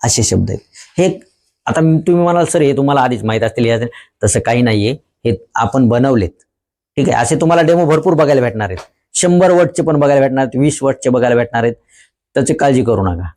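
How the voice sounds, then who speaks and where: Lively male teacher. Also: mid-range voice, fast. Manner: lively, repeats key words for emphasis. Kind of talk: explaining a memory technique to students.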